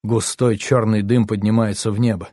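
A man narrating a first-person story, tense and hushed, his voice dropping low at grim moments. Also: flat delivery, normal speed, dry recording, studio quality. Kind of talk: audiobook narration.

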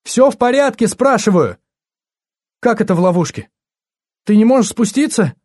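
A man's voice: sits high, animated, moderate pace, darkish tone, no echo, clean studio sound, pitched above the performer's own voice. A man voicing a frightened young woman on the edge of tears, crying out in panic. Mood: pleading. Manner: pleading, panicky, rising to cries.

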